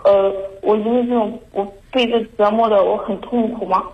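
A young woman calls in to a talk show and talks in a halting, anxious way, restarting her sentences again and again. Her voice stays flat and even. The sound is dull and lo-fi, as over a phone line. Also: medium pitch. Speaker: caller. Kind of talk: call-in confession.

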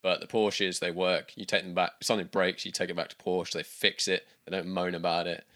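Man from the UK, low voice, bright tone, rambling interview chat. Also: flat delivery, fairly quick. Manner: rambling, many restarts and fillers. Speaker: guest.

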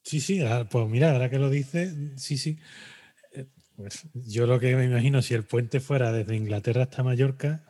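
A man co-hosting a podcast, chatting casually and joking, with plenty of fillers and restarts. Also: mid-range voice. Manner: animated, joking, trails off into fillers. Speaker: podcast co-host. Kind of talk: casual chat.

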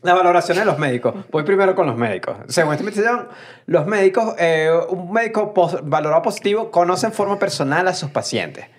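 A man's voice: sits high, lively intonation, fast talker. A man co-hosting a casual podcast, talking through a study's findings in a conversational way. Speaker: podcast co-host. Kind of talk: casual chat.

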